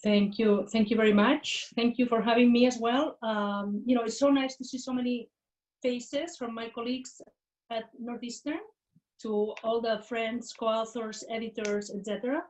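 A woman from Catalonia, a guest academic talking at home in a halting way, with many fillers and restarts. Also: a little high, fairly even intonation, distant mic, low-quality recording. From Catalonia, Spain. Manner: warm, halting, with frequent fillers and repeats. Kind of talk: casual interview talk on a video call. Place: home in a rural area outside Barcelona, window open. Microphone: video call.

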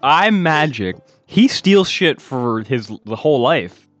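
A man playing in a tabletop game, excitable and joking, with frequent swearing. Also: on the high side, slow pace, soft background music. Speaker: player. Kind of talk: casual tabletop game chat. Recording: dull lo-fi audio.

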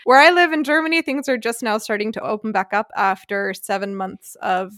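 A woman's voice: mid-range voice, fairly even intonation, a little fast, a bit bright, dry recording, clean studio sound. A woman hosting a podcast, talking in a chatty, upbeat way and laughing easily. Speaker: podcast host. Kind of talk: casual podcast talk. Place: lives in Germany.

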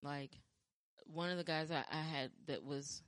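Woman, low and mellow, casual rambling chat with restarts, dry close sound. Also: unhurried, no room sound. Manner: rambling, with frequent restarts and filler; acts out quoted lines with lively pitch jumps. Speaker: podcast talker sharing dating stories.

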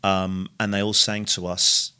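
A middle-aged man, talking candidly on a podcast, halting and repeating himself, now and then swearing. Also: deep voice, little pitch movement, bright, forceful tone, clear, resonant tone. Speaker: podcast co-host sharing his story. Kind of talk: candid conversational podcast talk.

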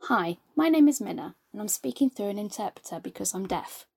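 A woman working as a live sign language interpreter, voicing a deaf speaker's words in the first person with a steady, measured delivery. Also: mid-range voice, gravelly, breathy edge, dry recording, clean studio sound.

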